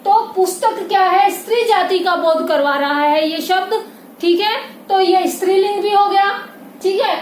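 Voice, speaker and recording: A woman's voice: extremely high pitch, moderate pace. A woman teaching a Hindi grammar lesson, patient and repetitive, who often checks that her students follow and calls them "beta". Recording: echoey room with faint noise.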